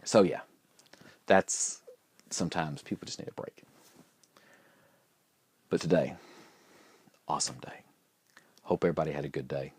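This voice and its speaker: A man's voice: a bass voice, normal speed, long pauses, darkish tone, husky. A man vlogging in a chatty, good-humored way, telling a story with lots of restarts and fillers. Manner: rambling, with frequent restarts and fillers. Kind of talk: casual storytelling vlog.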